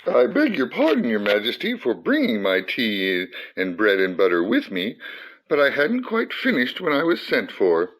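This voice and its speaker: A man's voice: mid-range voice, huge pitch swings, moderate pace, a bit bright, poor audio. A man playing a nervous, fussy hatter in a radio play, humble, jittery and pleading, given to repeating himself. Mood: apologetic.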